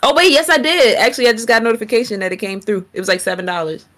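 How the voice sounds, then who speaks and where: A woman's voice: on the high side, rapid-fire, fairly bright tone. American woman talking with dental aligners in. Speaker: podcast co-host. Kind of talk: casual banter.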